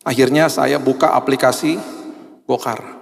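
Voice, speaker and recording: A male pastor preaching in a church at a middle pitch. He tells a personal story with energy and briefly acts out the voices of the people in it. His voice rings with the long reverb of a large hall. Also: steady tone, unhurried, vocal fry. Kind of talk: sermon with storytelling.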